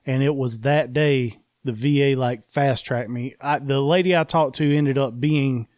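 A man's voice: mid-range voice, steady tone, a little slow, a little mellow, no room sound, clean studio sound. A man in his thirties telling his own story in frank, plainspoken casual talk, swearing now and then. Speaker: guest, army veteran. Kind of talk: candid conversational storytelling.

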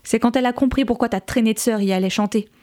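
A woman's voice: on the high side, fast talker, warm tone, close to an everyday voice. A woman reading the lines of a coarse, menacing middle-aged father who speaks with blunt contempt and false friendliness. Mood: bitter.

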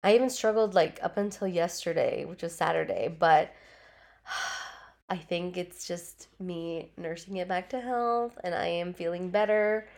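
Speaking at a measured pace, this woman has a fairly low, gravelly voice with a slightly mellow edge. She hosts her own podcast from home with her dogs nearby, rambling chattily, swearing freely and leaning hard on "like." Her nose is still stuffy and her voice has only just come back after a cold.

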